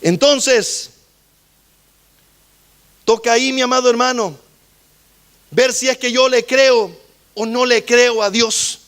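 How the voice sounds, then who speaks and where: High-voiced man preaching a sermon. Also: slow pace, pauses often, fairly bright tone. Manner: preaching, repeatedly addressing the congregation. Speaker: pastor.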